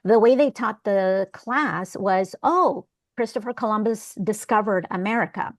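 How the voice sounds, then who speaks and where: A woman's voice: mid-range voice, unhurried, no echo, studio quality. A woman from El Salvador leading an online class discussion, talking in a chatty way with many fillers and restarts. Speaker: class leader.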